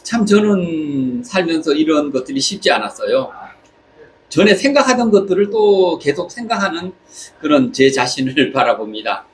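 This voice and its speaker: A man from South Korea speaking a reflective personal monologue, haltingly, pausing between short phrases. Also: on the high side, big pitch swings. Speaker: vlogger. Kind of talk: reflective spoken monologue while travelling. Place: on holiday in Southeast Asia. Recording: clear background ambient noise.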